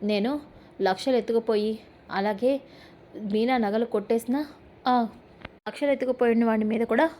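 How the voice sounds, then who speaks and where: A blunt young husband who answers back sarcastically and defiantly, voiced by a woman narrator. The tone is warm and a little high, in a storybook recap. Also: fairly even intonation, normal speed, long pauses, slight background noise, lightly acted.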